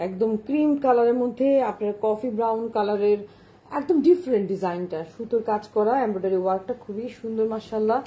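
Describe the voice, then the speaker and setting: A woman's voice: a little high, mellow. Chatty woman selling shawls live. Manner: chatty, repeats phrases, urges viewers to look; mixes English words into speech. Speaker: online shawl seller. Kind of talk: live-stream product showcase.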